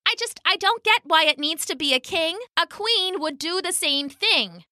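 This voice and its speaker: A woman's voice: animated, pushed and bright, no room sound, exaggerated voice. A woman voicing a skeptical warty female frog who answers in a sarcastic, raised voice. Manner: sarcastic, quick and high.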